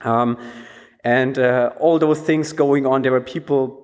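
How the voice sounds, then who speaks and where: A man's voice: mid-range voice, fairly even intonation, unhurried, darkish tone. A man telling a personal story at a conference, hesitant, with many fillers and restarts. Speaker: conference speaker. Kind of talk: anecdotal conference talk. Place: conference hall. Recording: long hall reverb.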